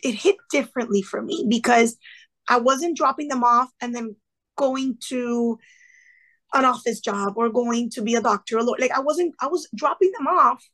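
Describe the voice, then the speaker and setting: On a rough recording, a woman with a fairly high voice speaks at a moderate pace. In her thirties and of Cuban family background, the former classroom teacher tells her story earnestly as an interview guest, playing the people she quotes in animated, lively asides.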